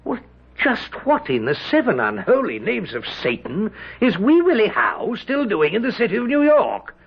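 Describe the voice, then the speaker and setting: A pompous British general in an old radio drama. His voice is highish and husky, sweeping theatrically up and down with sardonic, haughty flourishes. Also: huge pitch swings, normal speed, full character voice. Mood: vain, indignant. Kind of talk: 1970s radio drama acting. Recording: dull lo-fi vintage radio broadcast.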